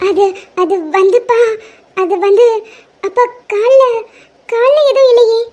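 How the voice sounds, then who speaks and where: Woman voicing a shrill, defiant college girl. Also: expressive, dull audio, over music. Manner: pleading, high and quick. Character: young college daughter, stubborn and defiant. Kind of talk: Tamil cartoon dub.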